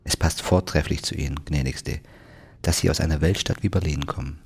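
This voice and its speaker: A fawning, overly courteous traveler who smothers everyone in ornate praise, as a man reads him aloud. The voice sits low and husky, a little gravelly at the edges. Storybook reading, every sentence polished and ingratiating. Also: a little fast, full character voice. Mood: flattering. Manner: flowery, flattering. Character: fawning, overly polite middle-aged male passenger.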